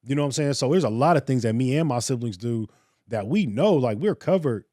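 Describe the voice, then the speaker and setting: An earnest man talks on a podcast with a preacher's lilt. His voice sits at a middle pitch, recorded close and dry. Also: brisk, dry recording. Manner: earnest, preacherly, animated storytelling. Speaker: podcast co-host. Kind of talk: casual podcast discussion.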